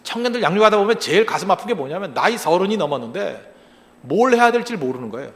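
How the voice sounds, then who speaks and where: A high-voiced man preaching quickly, his pitch leaping up and down as he throws rhetorical questions at the congregation. He acts out little quoted lines along the way, and his voice rings with the long reverb of a large hall. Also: sing-song, a bit bright. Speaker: pastor. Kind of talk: sermon.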